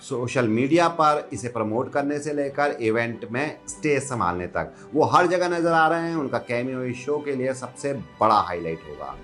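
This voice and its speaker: A man's voice: medium pitch, lively intonation, moderate pace, few pauses, fairly bright tone, soft background music. A man reading a scripted entertainment news roundup in an upbeat, gossipy way.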